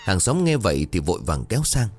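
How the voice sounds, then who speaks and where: A man narrating a ghost story in a dramatic, expressive way. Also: low voice, fast, breathy edge, soft background music.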